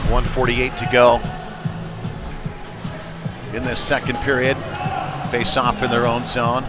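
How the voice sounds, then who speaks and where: Medium-pitched and monotone, he takes his time as he calls the hockey action live at the rink. Between plays he slips in conversational comments, and venue music plays under the broadcast.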